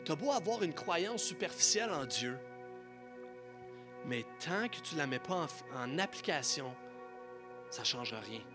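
Quebec French male pastor, high voice, lively pulpit delivery, soft music behind. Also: unhurried, long pauses. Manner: animated preaching, urges congregation to repeat lines. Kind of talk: sermon. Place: church sanctuary.

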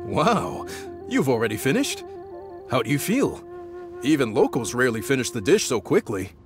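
Man as Chef Mao, hearty, lively restaurant cook. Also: mid-range voice, moderate pace, over music, lightly acted. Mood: pleased, surprised. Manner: hearty, welcoming, explanatory. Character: friendly, proud male restaurant chef, hospitable. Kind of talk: anime-style video game dialogue.

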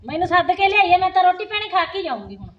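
A woman's voice: very high voice, sing-song, quick pace, dull audio. A woman acting an insistent visiting neighbour in a comedy sketch.

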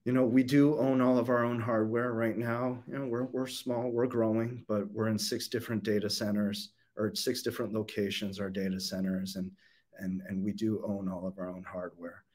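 A man's voice: lowish voice, flat delivery, moderate pace, a little mellow. Casual young man giving a keynote. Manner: casual, many fillers and restarts. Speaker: company CEO giving a keynote. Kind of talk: conference presentation. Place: home or office room. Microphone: webcam video call.

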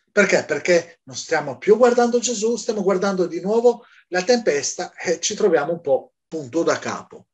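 Guy preaching, high voice that swoops up and down, keeps asking and answering his own questions. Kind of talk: Bible study sermon.

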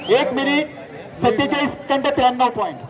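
A man announcing a race live through a public-address loudspeaker outdoors, calling out times and repeating warnings in a steady announcing cadence. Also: very high-pitched, brisk. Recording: lo-fi loudspeaker sound over a crowd outdoors. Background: large crowd.

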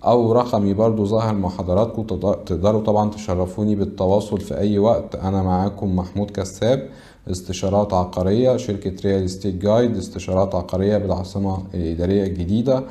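A man in his thirties with an Egyptian accent, a real estate consultant briskly presenting details to camera, reeling off figures with frequent filler sounds. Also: low-pitched, steady tone, mellow. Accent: Egyptian Arabic. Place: indoor studio with backdrop.

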